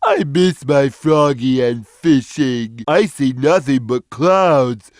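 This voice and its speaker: A man voicing a big, gentle, slow-witted cat in a video game, with a simple, childlike, drawn-out delivery. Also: mid-range voice, no echo, clean studio sound, lightly acted. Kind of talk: video game character voice lines.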